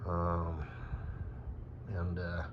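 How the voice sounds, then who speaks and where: A man's voice: low-pitched, completely flat delivery, very slow, background noise. Rambling man on a dull lo-fi mic. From Wyoming, US. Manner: meandering, full of fillers and swearing. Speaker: vlogger. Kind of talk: rambling casual monologue. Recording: dull lo-fi with faint ambience.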